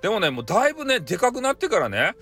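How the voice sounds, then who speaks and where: A man's voice: sits high, wildly swooping pitch, rapid-fire, a bit bright, soft background music. A man with a Hakata accent casually retelling a folk tale for bedtime, playful and rambling. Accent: Hakata dialect. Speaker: storyteller.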